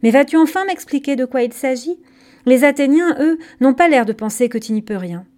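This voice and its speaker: A woman's voice: on the high side, moderate pace, warm tone, close to an everyday voice. A woman reading aloud as an earnest, impatient young hero who presses his father with questions. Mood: exasperated.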